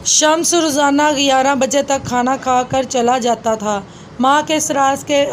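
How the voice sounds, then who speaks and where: Woman narrating a spooky story, high voice, faint hiss under it.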